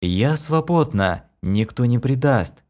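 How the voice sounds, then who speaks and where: A man's voice: big pitch swings, slow, a little mellow, full character voice. Pleading young woman, a male reader in a raised voice, guilty, frightened. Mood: dazed. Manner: pleading, apologetic, raised pitch. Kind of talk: audiobook character voice.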